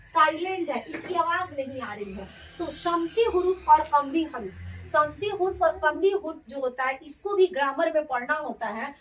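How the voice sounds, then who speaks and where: Female tutor, high register, patient and repetitive explainer; recorded off-mic in an echoey room. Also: moderate pace, few pauses, far from the mic, a little hiss or hum. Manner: explains patiently, repeats terms, asks and answers her own questions. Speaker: Urdu grammar teacher. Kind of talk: classroom-style grammar lesson.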